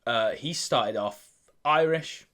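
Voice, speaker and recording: A man co-hosting a casual tabletop games chat, enthusiastic and quick to agree. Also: mid-range voice, bright, forceful tone. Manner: enthusiastic, agrees often, acts out quotes. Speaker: podcast co-host.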